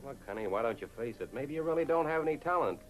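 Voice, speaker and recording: A man's voice: medium pitch, expressive, fast, lightly acted. An actor playing a sardonic young man teasing his girlfriend, dry and mocking.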